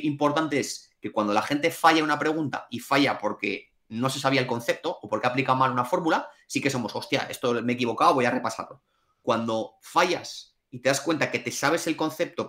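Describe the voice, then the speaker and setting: A CFA trainer and academy director with a Spanish accent from Spain answers interview questions about finance exams. His mid-range voice is a bit bright, and he speaks frankly and colloquially, with some mild swearing.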